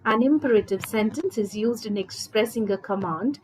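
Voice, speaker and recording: With a fairly high pitch, an English teacher patiently breaks a grammar point down for her class step by step, talking slowly and straight to the students. The school lesson was roughly recorded, with a little hiss or hum.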